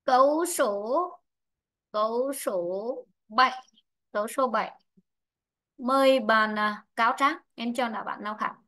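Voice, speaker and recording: A woman teaching English online, explaining word-stress rules slowly and repeating herself with many fillers. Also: fairly high pitch, fairly bright tone. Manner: repetitive, drawn-out explaining with frequent fillers. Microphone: online lesson mic.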